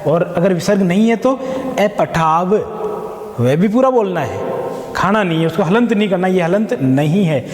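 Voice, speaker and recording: A man teaching a Sanskrit grammar lesson in a slow, deliberate way, drawing out conjugations and sounding out syllables. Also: high voice, lively intonation, a little mellow. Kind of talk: classroom-style grammar lesson. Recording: echoey room with long reverb.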